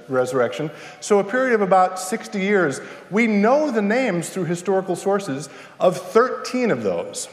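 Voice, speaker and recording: A male preacher delivers a sermon in a high-pitched voice that rings through a large hall with long reverb. He speaks emphatically, setting up rhetorical questions and leaving dramatic pauses for the congregation.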